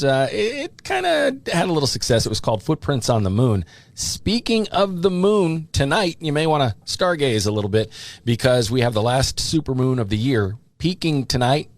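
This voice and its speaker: Speaking in a medium pitch on a dry recording, an American country radio presenter chats casually and promotes into a studio broadcast microphone. It's an aircheck with music in the background.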